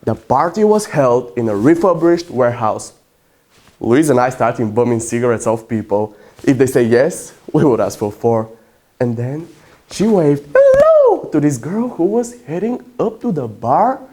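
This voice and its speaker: A man's voice: mid-range voice, animated, moderate pace, close to an everyday voice. A young man as brash cocky storyteller. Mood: wry, bemused. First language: Bulgarian. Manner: dramatic storytelling with sudden loud outbursts. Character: brash self-mocking young male womanizer. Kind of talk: competitive prose interpretation.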